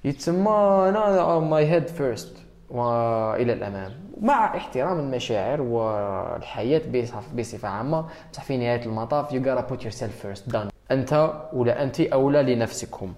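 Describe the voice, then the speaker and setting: A man with an Algerian accent, a host answering viewer questions in a rambling, animated casual monologue that slips in foreign phrases. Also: mid-range voice, normal speed, few pauses.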